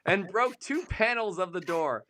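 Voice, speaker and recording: Bright-voiced joking male co-host. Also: sits high, expressive, a little slow. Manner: chatty and joking, reads sources aloud with asides. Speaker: co-host of a produce industry show. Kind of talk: casual live-stream chat reading idiom history.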